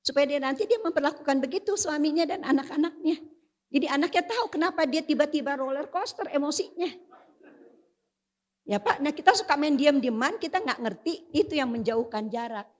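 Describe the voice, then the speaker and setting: An older woman speaking as a parenting expert at a seminar, chatty and lively, often addressing the audience directly. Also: sits high, brisk. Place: seminar hall.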